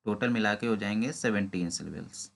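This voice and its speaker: The exam prep teacher's voice is fairly low and creaky, with an Indian accent. Questions in English are read out slowly, then explained in Hindi.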